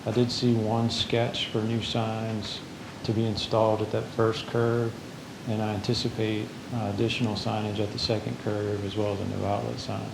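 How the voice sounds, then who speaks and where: A man giving a calm, matter-of-fact road report as a highway engineer at a public meeting. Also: normal speed, creaky, hardly any pauses. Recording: echoey noisy meeting room.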